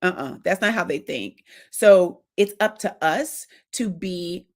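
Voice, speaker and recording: A middle-aged woman who coaches couples, giving direct, lively marriage advice to wives and acting out short quoted exchanges. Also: on the low side, slow. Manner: direct, animated, acts out little quoted exchanges. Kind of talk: casual advice talk to women.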